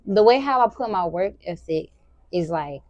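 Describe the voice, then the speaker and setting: A teenage girl, a high school sprinter answering interview questions in a relaxed, rambling way. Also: normal speed, no room sound, lo-fi sound. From Memphis, Tennessee. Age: teens. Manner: relaxed, rambling, many "like" fillers.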